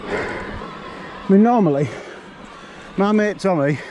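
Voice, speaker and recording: A man's voice: high voice, lively intonation, slow, noisy background. A man, a bit out of breath, chatting bluntly to camera while riding an e-bike up a forest trail. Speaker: mountain biking vlogger.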